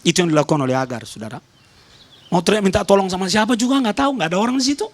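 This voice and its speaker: A male pastor from Nias preaching a sermon with emphasis. He swings between loud raised calls and soft low asides, repeats short phrases and speaks straight to the congregation. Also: expressive, rapid-fire. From Nias, Indonesia.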